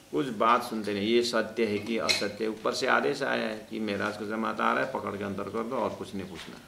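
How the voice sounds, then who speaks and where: A man teaching a class, telling a personal anecdote in a rambling way, correcting himself and pausing with fillers. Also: lowish voice, creaky, pushed and bright. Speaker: religious teacher. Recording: roomy echo, faint background noise.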